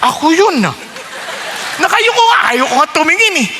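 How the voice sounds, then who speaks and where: A man with a Filipino accent preaching a sermon, telling a personal testimony in animated storytelling that mixes Tagalog and English. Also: very high-pitched, normal speed, a little hiss or hum.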